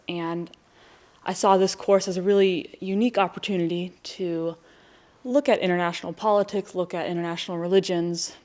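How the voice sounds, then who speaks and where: A woman's voice: lowish voice, a little mellow. A woman from South Carolina, a divinity student, speaking fluently. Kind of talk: recorded student testimonial.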